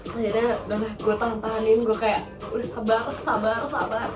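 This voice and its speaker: High-voiced woman telling a story. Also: brisk, far from the mic. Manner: animated, acts out quotes, laughs often. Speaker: podcast host. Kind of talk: casual storytelling chat. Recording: roomy, off-mic, music behind.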